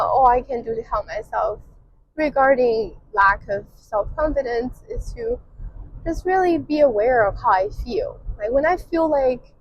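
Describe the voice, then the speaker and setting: A woman vlogging from her car while driving, talking in a hesitant, reflective way with many filler pauses. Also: on the high side. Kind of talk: casual reflective monologue. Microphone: clip-on mic. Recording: dull lo-fi with faint car noise.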